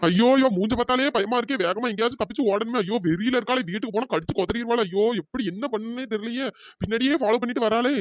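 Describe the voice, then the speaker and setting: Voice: mid-range voice, fast talker, slight background noise, natural voice. A performer voicing a scared cheating husband in a cartoon, panicky and wailing. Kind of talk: cartoon comedy voice acting.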